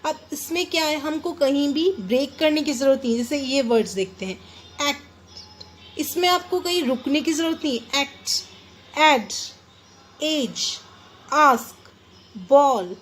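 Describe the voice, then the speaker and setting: A woman with an Indian English accent teaching a grammar lesson, explaining slowly in English, then quickly in Hindi, and stressing each example word. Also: high voice, lively intonation, a little hiss or hum. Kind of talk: classroom lesson.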